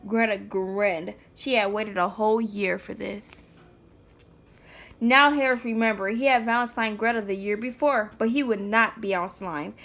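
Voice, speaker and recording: Her voice is fairly high and fairly bright as she reads a picture book to a small child. A vlog-hosting mother seated on the floor indoors, she keeps it informal and sprinkles in chatty asides.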